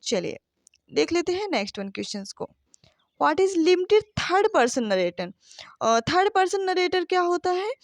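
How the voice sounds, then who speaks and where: A woman's voice: extremely high pitch, big pitch swings, unhurried, no echo. A woman teaching English literature for exam prep, who asks rhetorical questions and answers them herself, calling her listeners friends. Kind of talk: exam-prep lesson, reading questions then explaining.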